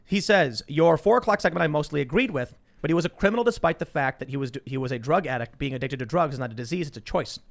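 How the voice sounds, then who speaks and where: A man hosting a live talk show, briskly reading viewer messages aloud and responding. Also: a little high, expressive, vocal fry. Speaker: host.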